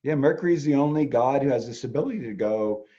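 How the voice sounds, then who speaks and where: A middle-aged astrologer co-host talks fast in a casual conversation, rambling with plenty of fillers. His medium-pitched voice is dark-toned with lively intonation, heard through lo-fi sound.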